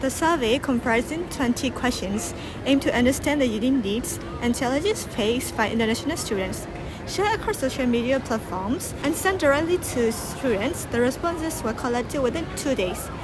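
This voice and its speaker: A young woman student who narrates a research video and asks interview questions in a clear, formal delivery. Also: high voice, animated, normal speed, background noise. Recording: loud background music.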